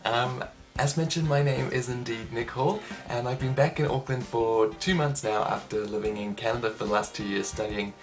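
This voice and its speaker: A young man, a trumpet player casually answering interview questions in a relaxed, chatty way with frequent ums. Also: medium pitch, moderate pace, faint music behind. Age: young adult.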